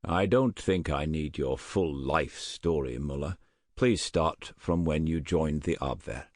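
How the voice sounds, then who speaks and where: A man's voice: a bass voice, measured pace, no echo, studio quality. A man doing a shrewd old colonel. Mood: dry probing. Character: shrewd rotund British colonel in his sixties, faint Scottish trace, dry. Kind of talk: audiobook character voice.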